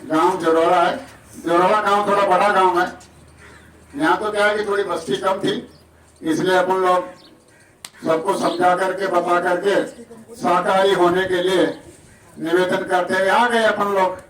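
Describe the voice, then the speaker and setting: A man from Rajasthan preaches to villagers in a high, folksy voice and slips into their voices as he talks. He is heard from a distance in an echoey outdoor space, with faint noise and the occasional bird or animal behind him. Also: fairly bright tone. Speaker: satsang preacher. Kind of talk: village sermon and announcements.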